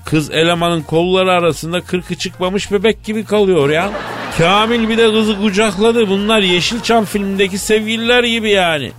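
A slightly high-voiced man hosts a comedy radio show and spins a tale with theatrical flair. His slangy delivery lurches between mock sorrow and excitement. Faint music plays under him. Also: normal speed. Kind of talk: comic storytelling in a radio sketch.

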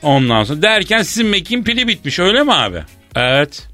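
Comic radio host, man, high-ish bright voice, loud and teasing, faint music behind. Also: big pitch swings, fast, dry recording. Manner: loud, teasing, mock-indignant. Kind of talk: comic banter, mock phone call.

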